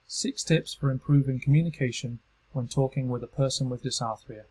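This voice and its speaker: A man with a British accent giving calm, measured, scripted narration for a training module. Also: mid-range voice, slightly rough, poor audio. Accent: British English. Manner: calm, measured instructional delivery.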